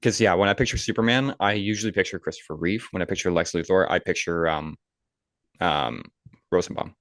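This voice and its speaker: A man's voice: low-pitched, a little fast, a bit bright, no room sound, studio quality. A man co-hosting a casual movie podcast, rambling and enthusiastic with lots of fillers. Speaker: podcast co-host. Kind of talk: casual movie review chat. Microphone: podcast microphone.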